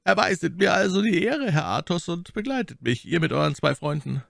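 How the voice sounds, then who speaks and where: A man's voice: sits high, animated, fairly quick, creaky, a bit bright, dry recording, studio quality, pitched above the performer's own voice, exaggerated voice. A man voicing a commanding, cunning male cardinal with a ringing, imperious tone, in a storybook reading.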